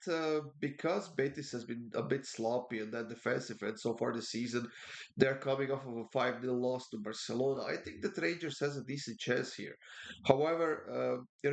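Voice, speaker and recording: A gravelly, mid-range male voice, congested from a cold, offers laid-back soccer betting tips. He stumbles along with lots of "uh"s and repeats, the way a tipster might in an informal preview.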